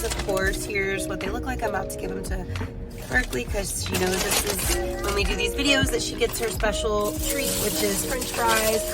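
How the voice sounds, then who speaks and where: A woman's voice: a little high, poor audio. A woman vlogging casually from her car at a drive-thru, talking in a chatty, upbeat way with plenty of fillers. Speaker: vegan food vlogger and mom. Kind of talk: casual vlog chat.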